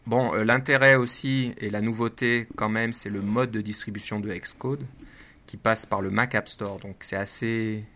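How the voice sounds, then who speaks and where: A man with a bright, forceful tone and a fairly low voice co-hosts a casual tech podcast. He speaks hesitantly and pauses often, as if thinking aloud. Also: steady tone. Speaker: podcast co-host.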